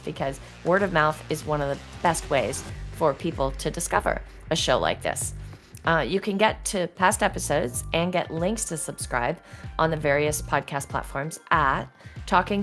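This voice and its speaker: Low-pitched woman hosting a podcast. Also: unhurried, fairly bright tone, soft background music. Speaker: podcast host.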